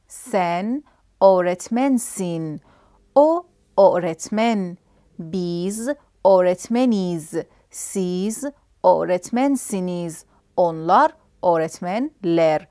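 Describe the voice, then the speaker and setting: A woman's voice: fairly low pitch, lively intonation, mellow, dry recording, clean studio sound. A woman teaching a grammar lesson, explaining step by step and answering her own questions. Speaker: language teacher.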